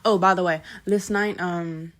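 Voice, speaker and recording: A woman's voice: lowish voice, fairly even intonation, measured pace. A woman casually retelling a novel's plot as a vlogger, rambling with lots of fillers, backtracking to correct herself and swearing offhandedly. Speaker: book vlogger.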